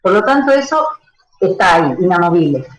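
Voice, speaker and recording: A woman's voice: fairly low pitch, very animated, brisk, echoey room, rough recording. A woman giving expert advice as a radio interview guest, explaining with everyday analogies. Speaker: stress management educator.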